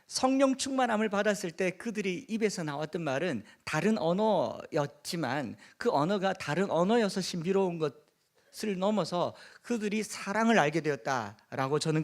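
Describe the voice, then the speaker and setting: Earnest Gyeongsang-accented pastor preaching. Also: male voice, on the high side, lively intonation, normal speed. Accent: Gyeongsang Korean. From Gyeongsang region, South Korea. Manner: earnest preaching with humorous asides. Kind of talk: sermon.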